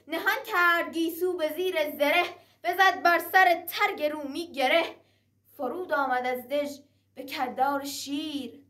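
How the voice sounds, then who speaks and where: A woman's voice: high voice, pushed and bright, far from the mic. A woman reciting a traditional epic in the declamatory manner of a teahouse storyteller, moving between dramatic verse and narration.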